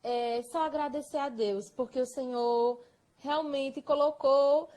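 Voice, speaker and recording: A woman's voice: high voice, slow, dark tone. A woman hosting a live chat, thanking her guest effusively with religious phrases and laughing often. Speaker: host of a mothers' live chat. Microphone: phone or laptop on a live video call.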